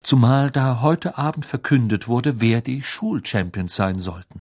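A man narrating a novel as an audiobook, reading in an expressive storytelling way. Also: medium pitch, unhurried. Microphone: close studio microphone. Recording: dry studio sound.

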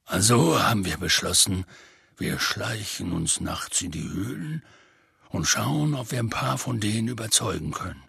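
A man voicing a huge, gruff half-giant gamekeeper in an audiobook, telling his story in a rough, folksy way. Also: lively intonation, normal speed, fairly bright tone, no room sound, full character voice. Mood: gruff storytelling. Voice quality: deep and gravelly. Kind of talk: audiobook character voice.

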